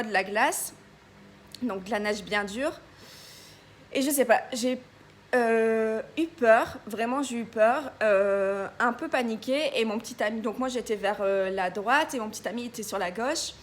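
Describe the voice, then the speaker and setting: A young woman vlogger tells a story in a casual, chatty way, hesitating often. She has a cold and sounds congested and a bit ill, with a stuffy nose. Her voice is on the high side and fairly bright, with slight background noise.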